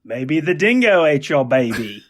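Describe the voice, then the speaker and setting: A man putting on a hammy Australian accent as an Aussie bloke, slowly quoting catchphrases. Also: a little high, very animated. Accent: put-on Australian. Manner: slow, exaggerated quoting of movie lines.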